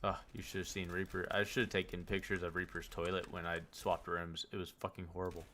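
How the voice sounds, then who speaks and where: Man, casual streamer, rambling, swears a lot, bright tense voice, low-ish. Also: flat delivery, fairly quick, slight background noise. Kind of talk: casual gaming stream chat.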